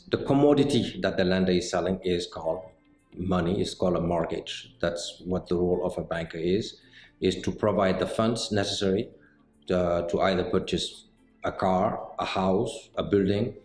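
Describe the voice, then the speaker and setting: A middle-aged man from Senegal answers interview questions about his work in banking. His voice sits very low, and he explains things carefully, stopping often on small hesitations. The sound is roomy, with soft music faintly underneath. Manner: measured, explanatory, with frequent "uh" pauses. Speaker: mortgage banker interviewee. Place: indoor office set with bookshelves.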